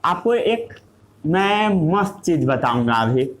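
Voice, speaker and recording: A man's voice: a little high, very animated, takes it slowly. A male teacher giving a classroom science lesson. He asks rhetorical questions, answers them himself, and mixes English terms into his Hindi.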